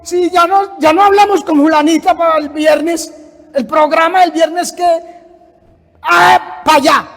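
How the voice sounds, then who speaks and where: A male preacher voicing a sly male devil who loudly coaxes a man back into sin. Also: extremely high pitch, fairly even intonation, unhurried, in a large hall, voice pushed up, exaggerated voice. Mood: coaxing.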